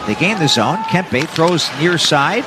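High-pitched male hockey announcer, North American. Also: unhurried, music in the background, crowd noise. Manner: energetic, descriptive running call. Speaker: ice hockey play-by-play radio announcer. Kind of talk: live sports play-by-play commentary.

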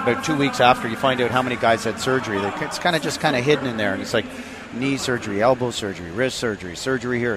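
A man's voice: medium pitch, noisy background. A man giving pregame radio commentary as an analyst, emphatic and building his points with lists and repetition.

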